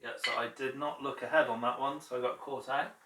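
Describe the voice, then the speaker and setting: A man teaching drums in a relaxed way, explaining exercises and counting beats aloud. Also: mid-range voice, fairly quick, loud music behind the voice. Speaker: drum teacher. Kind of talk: relaxed lesson talk between drum exercises. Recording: roomy drum room, mic some distance off, drum kit loud. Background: drum kit playing.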